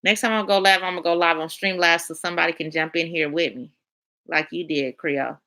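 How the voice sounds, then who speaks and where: Woman, livestream host, casual chatty talk, bright forward voice. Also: on the low side, steady tone, quick pace. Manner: chatty, colloquial, talks to viewers by name. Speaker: livestream host reading chat. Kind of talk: casual live-stream chat.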